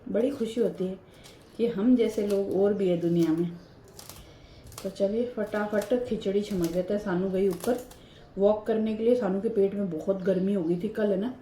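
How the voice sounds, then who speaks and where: A woman's voice: medium pitch, fairly even intonation, normal speed, mellow. Middle-aged woman home vlogger, chatty and rambling, built-in mic, echoey room, faint noise. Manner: chatty and rambling, speaks straight to viewers. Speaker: family vlogger. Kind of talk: casual home vlog chat. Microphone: built-in phone or camera mic, no external mic.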